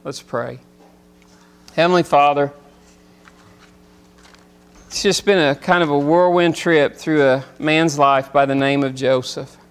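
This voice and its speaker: High-voiced preaching pastor in his forties. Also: steady tone, slow, pauses often, clear, resonant tone. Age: 40s. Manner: preaching, rising loud and high then settling into quiet reflection. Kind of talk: sermon.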